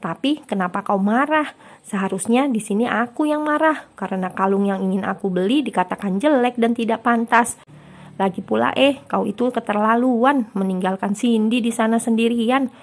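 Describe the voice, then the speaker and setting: A woman voicing a lively, talkative young woman who keeps firing off questions at her cousin, in a romance audio story. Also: fairly high pitch.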